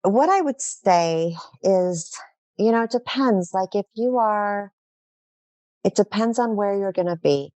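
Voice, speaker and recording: A woman's voice: mid-range voice, lively intonation, unhurried, dark tone, dry recording. A middle-aged woman talking as a guest in a casual podcast interview, enthusiastic and effusive, rambling with fillers.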